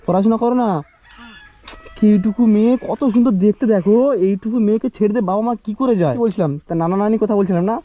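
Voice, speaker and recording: A man's voice: high voice, fast, dull audio. A man vlogging from a village, asking poor children question after question, his voice pleading and often breaking with tears. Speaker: vlogger visiting a poor family. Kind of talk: emotional on-the-spot questioning.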